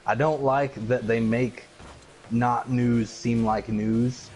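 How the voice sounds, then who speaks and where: A man's voice: medium pitch, steady tone, slow pace, a little mellow. A man chatting casually while playing a video game, rambling and filling his talk with "like". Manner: rambling, heavy use of "like" fillers. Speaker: gaming video co-host.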